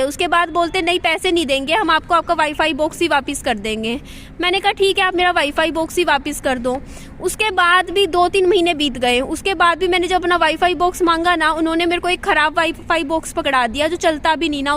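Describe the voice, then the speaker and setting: A woman's voice: very high voice, fairly quick, fairly bright tone, slight background noise. A woman talking straight to camera at home in a chatty, venting vlog monologue, repeating herself as she goes. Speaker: vlogger.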